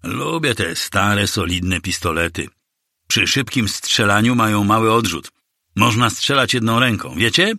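A man's voice: lowish voice, expressive, measured pace, no room sound, studio quality, full character voice. A man doing a sneering gangster boss. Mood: smug. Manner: sneering, mocking, bursts into shouting. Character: menacing taunting gangster boss, adult man. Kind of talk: audiobook character voice.

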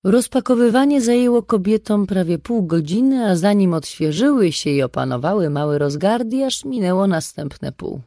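An audiobook narrator who tells the story in a steady, measured way. The voice is warm and dark with a gravelly texture, and the recording is dry and close. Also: medium pitch, dry recording. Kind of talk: scripted narration.

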